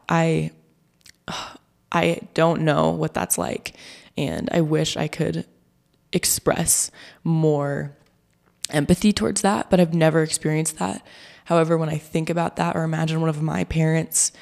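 Earnest low-voiced woman podcast host. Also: gravelly. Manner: earnest, animated, quotes herself in a brighter voice. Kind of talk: conversational interview.

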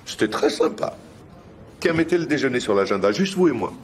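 A man's voice: mid-range voice, very animated, a little fast, a little hiss or hum, close to an everyday voice. An actor dubbing a sardonic, mocking male doctor in a TV drama, with a sarcastic, needling delivery. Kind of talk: dubbed TV drama.

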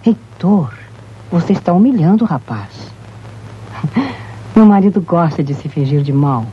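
An actress playing a placating, well-off wife and mother who smooths over her husband's rudeness. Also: on the low side, expressive, measured pace, highs cut off, exaggerated voice. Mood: soothing.

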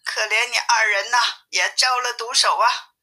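A woman voicing a timid, gentle male monk who speaks in a trembling, pleading way. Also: a little high, fairly even intonation, normal speed, poor audio. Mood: sorrowful.

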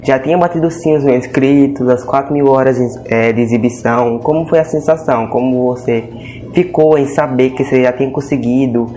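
A man's voice: mid-range voice, fairly even intonation, a little fast, mellow, a little hiss or hum. A man with a Brazilian Portuguese accent hosting a casual podcast, chatty and repeating little checks to the listener. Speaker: podcast host.

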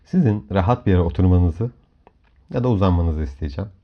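A man hosting a guided hypnomeditation in a calm, soft, soothing voice, giving measured instructions with long pauses. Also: deep voice. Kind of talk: slow guided meditation narration. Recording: dull lo-fi audio under music. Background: clear background music.

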